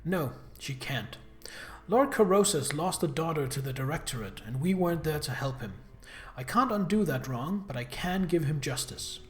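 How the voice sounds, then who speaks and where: A man's voice: on the high side, animated, normal speed, natural voice. A man voicing a wronged young noblewoman leader from a video game, earnest, stern and resolute. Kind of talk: reading video game dialogue aloud.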